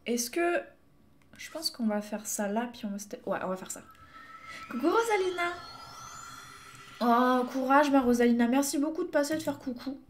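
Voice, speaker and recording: A young woman Twitch streamer chats casually during live gameplay, laughing and thanking her viewers. Her voice is on the high side and brisk, with a little hiss or hum in the audio.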